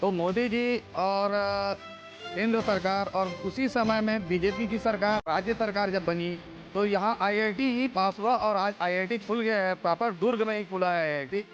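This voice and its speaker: A man from a city in central India, speaking deliberately and formally as a resident in a vox-pop testimonial. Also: high-pitched, lo-fi sound. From Durg, Chhattisgarh, India. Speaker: resident interviewee. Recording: music bed under the voice.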